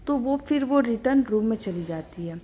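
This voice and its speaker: A woman tells a college love story casually, chatty and full of fillers, calling the characters "ours". Her voice is a little high but soft and mellow. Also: lively intonation, moderate pace, a little hiss or hum. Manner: chatty, filler-heavy, says "our" for characters.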